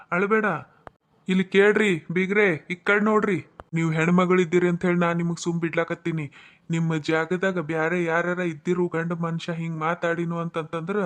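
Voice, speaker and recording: Man playing a cartoon father, middle-aged, stern, lecturing, North Karnataka Kannada accent, high-pitched for a man. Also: natural voice. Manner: lecturing, reproachful. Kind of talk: cartoon voice acting.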